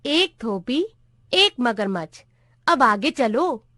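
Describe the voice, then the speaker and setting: A dozy, half-deaf old clerk behind a government counter who muddles every word he is told, as a woman reading the story puts him on. The voice sits high and moves slowly. It is recorded close and dry. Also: big pitch swings, sharp tone, dry recording, heavily acted. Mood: muddled. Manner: confused, repeats things wrong. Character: hard-of-hearing old male office clerk.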